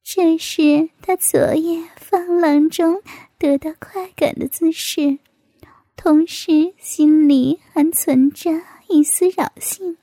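A woman narrates a story in a slow, hushed whisper. Her voice sits high and mellow, close to the mic in a dry space. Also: fairly even intonation, no room sound.

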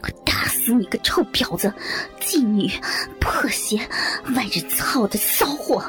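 A woman voicing a furious, jealous wife who screams insults in a shrill voice. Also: lively intonation, measured pace, fairly bright tone, in a whisper, faint music behind. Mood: enraged screaming.

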